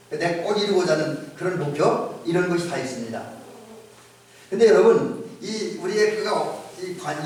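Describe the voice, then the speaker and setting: A male pastor giving a conversational sermon with frequent pauses and restarts, in an echoey church recording from a distance. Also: sits high. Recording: echoey church sound from far off.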